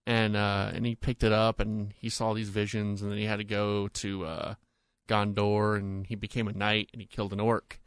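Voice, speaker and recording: A man's voice: lowish voice, little pitch movement, normal speed, few pauses, smooth, dry recording, clean studio sound. A man co-hosting a podcast, telling rambling, joking stories in casual chat. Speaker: podcast co-host.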